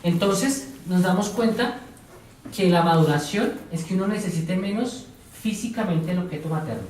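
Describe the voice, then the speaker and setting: A man's voice: high voice, animated, moderate pace, a little mellow, a little hiss or hum. Man lecturing in a very echoey classroom. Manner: asks the class questions and repeats their answers; tells examples step by step, now and then playing a teacher or patient. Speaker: psychology lecturer. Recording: very echoey room, voice from far off.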